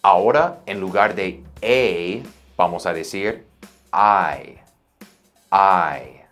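A man's voice: low-pitched, slow pace, faint music behind. A man teaching English pronunciation in an online lesson, patiently modeling sounds and words for learners to repeat.

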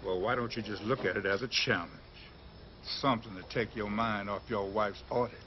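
A man's voice: on the low side, fairly even intonation, a little fast, close to an everyday voice. An actor playing a smug male agent who threatens a man's family with a taunting, chuckling menace. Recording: dull lo-fi TV audio with noise.

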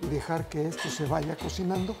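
A middle-aged TV cooking host talks a little fast, with a voice on the high side and some vocal fry. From a studio kitchen set with background music, he chats to viewers as family while explaining each step of the demonstration.

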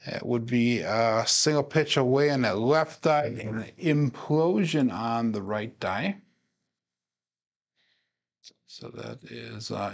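A man's voice: medium pitch, gravelly. A tired man in casual solo commentary, coaching himself and chatting with viewers between dice throws, laughing often. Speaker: craps practice streamer.

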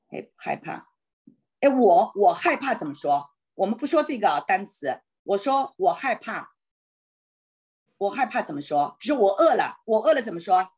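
A woman teaching an online Spanish class in Chinese on a video call, thinking aloud and hesitating, slowing down on Spanish words. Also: medium pitch, a little mellow, slightly rough.

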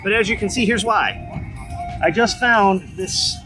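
A man's voice: high-pitched, measured pace, music in the background. A man vlogging casually outdoors at a gas station and a car show, upbeat and chatty with jokey asides. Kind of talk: casual vlog chat.

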